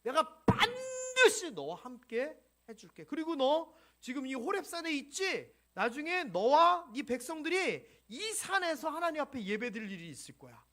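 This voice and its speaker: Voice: sits high, sing-song, moderate pace, hardly any pauses, a bit bright, voice pushed up. A preacher voicing God, who speaks to Moses in a casual, reassuring way within a sermon.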